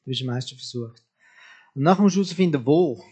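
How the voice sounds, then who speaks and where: Husky preacher, fairly high voice. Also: male voice, animated, fast talker, mellow. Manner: direct, asks the listener repeated questions. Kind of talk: sermon.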